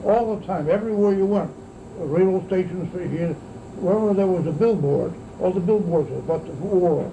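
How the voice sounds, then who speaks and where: Very old man, American accent, aged gravelly voice, slightly high pitch, halting rambling reminiscence, casual storytelling. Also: lo-fi sound. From United States. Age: very elderly, about 90s or older. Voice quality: aged, creaky voice. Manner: old man's halting, rambling storytelling with repeated "see" tags. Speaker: grandfather recalling wartime childhood. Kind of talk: casual oral-history reminiscence. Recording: noisy, steady insect-like background hum.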